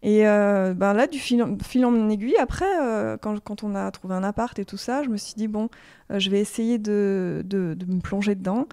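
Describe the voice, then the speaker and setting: A woman's voice: medium pitch, normal speed, warm tone. A woman from Alsace, a choir founder and conductor, talking in a chatty interview with many fillers and restarts. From Alsace, France. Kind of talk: casual interview chat.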